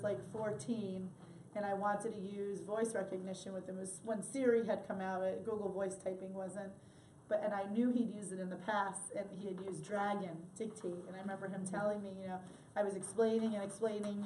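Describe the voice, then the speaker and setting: A woman's voice: mid-range voice, mellow, slight background noise. A woman presenting an assistive technology workshop, conversational and chatty with fillers. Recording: echoey room, mic far off, faint ambience.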